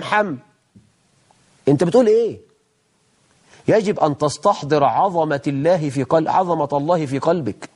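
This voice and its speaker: A middle-aged man with an Egyptian accent hosting a religious TV lesson, talking in lively colloquial speech, slowing down to recite verses solemnly. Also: on the high side. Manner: lively, mock-imitates people, then slows for solemn recitation. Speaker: TV religious program host, sheikh.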